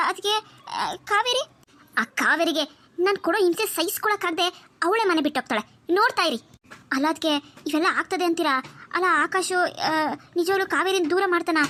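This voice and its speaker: A worried cartoon mother soothes and reasons in a high, bright voice, as a woman puts her on. Her words come quickly and evenly. She is pleading and patient. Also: a little hiss or hum. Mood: doubtful. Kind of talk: cartoon voice acting.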